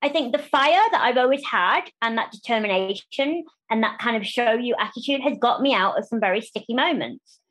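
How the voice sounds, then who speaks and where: A woman speaking candidly as a podcast interview guest, animated and quick to restart phrases and act out what others say. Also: on the high side, poor audio. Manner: animated, restarts phrases, acts out quoted voices.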